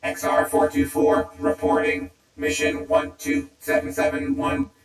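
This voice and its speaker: A man's voice: unhurried, noisy background. A man voicing a broken old male war robot through a glitching robot voice filter, giving clipped reports and repeating errors. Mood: mechanical. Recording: echoey, distant, with music behind.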